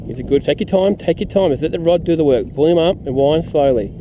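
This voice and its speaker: A man coaching a young child through landing a fish outdoors, encouraging, repeating instructions and whooping with excitement. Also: a little high, quick pace, poor audio. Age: adult. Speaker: uncle coaching a child fishing. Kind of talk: excited on-the-water fishing coaching. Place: outdoors on the water, fishing boat. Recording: loud wind and water noise outdoors.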